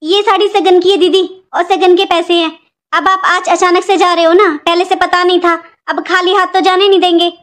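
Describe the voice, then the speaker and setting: Woman as a scolding, taunting aunt, very high voice, family drama. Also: little pitch movement, moderate pace, fairly bright tone. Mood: coaxing. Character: sharp-tongued maternal aunt scolding her niece.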